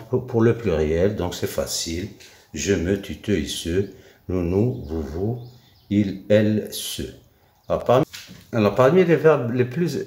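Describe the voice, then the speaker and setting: A man with a Moroccan accent teaching a grammar lesson, drilling forms slowly with many repetitions and fillers. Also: fairly low pitch, warm tone. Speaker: French teacher. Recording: echoey room.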